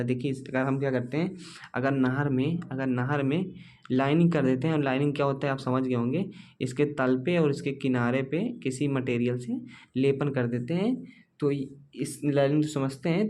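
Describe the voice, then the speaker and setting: A man's voice: a little high, a little mellow. A male teacher giving an exam-focused lecture, explaining step by step with many rhetorical questions and calling the students dear and brother.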